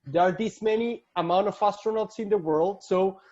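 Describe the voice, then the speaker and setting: A man's voice: sits high, normal speed, darkish tone. Venezuelan guy giving a slide talk on a video call, earnest, keeps restarting, muffled call audio. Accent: Venezuelan Spanish. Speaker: alumni speaker. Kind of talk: casual slide presentation.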